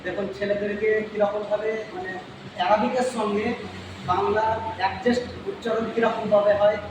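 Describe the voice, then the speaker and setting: A man's voice: high-pitched, flat delivery, fairly quick. A man introducing a class video to viewers and asking them to watch and share it. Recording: echoey hall from far off, noisy.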